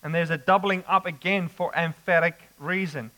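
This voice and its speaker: A man preaching an expository sermon, slow and emphatic with dramatic pauses. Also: a little high, fairly even intonation, sharp tone, poor audio.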